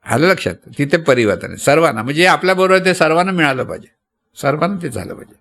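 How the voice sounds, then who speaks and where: A man's voice: on the high side, animated, fast talker, gravelly, a bit bright. A man with a Marathi accent giving a devotional sermon, teaching patiently, repeating points and asking the listeners rhetorical questions. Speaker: spiritual teacher.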